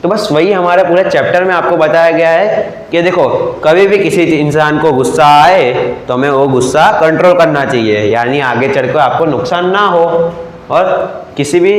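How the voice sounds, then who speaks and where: Gujarati-accented young male teacher, echoey room. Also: fairly high pitch. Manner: repetitive, keeps asking the class "क्या?" then repeats the answer. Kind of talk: classroom lecture explaining a chapter.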